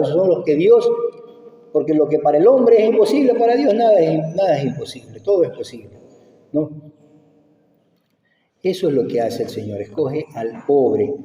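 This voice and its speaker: Male preacher, sermon, emphatic and repetitive, rhetorical questions, fairly high voice, distant mic. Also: warm tone. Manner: emphatic, repeats phrases, asks rhetorical "¿no?". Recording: echoey church hall, from far off.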